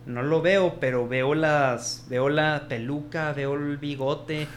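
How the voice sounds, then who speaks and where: Speaking slowly in a higher-pitched voice, with a little hiss or hum on the recording, a Mexican-accented man chats casually about a film. He tells the story animatedly, performing the characters' dialogue and often restarting his sentences.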